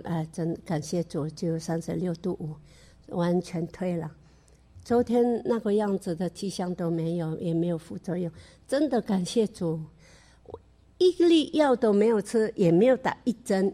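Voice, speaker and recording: An older woman giving a personal faith testimony in an earnest, halting way, with frequent restarts and fillers. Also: fairly low pitch, mellow. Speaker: church member giving testimony.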